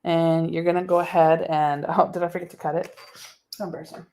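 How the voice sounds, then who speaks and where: A woman's voice: low voice, flat delivery, brisk, warm tone. Chatty woman teaching a sewing project. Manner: chatty, reads viewer comments aloud. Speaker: sewing instructor. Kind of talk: live sewing tutorial. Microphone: laptop microphone.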